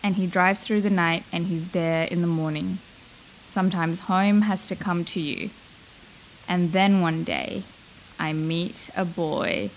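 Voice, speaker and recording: A young woman from Malaysia narrating a reflective spoken-word essay, slow and measured, lingering on her phrases. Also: on the low side, a little hiss or hum, rough recording.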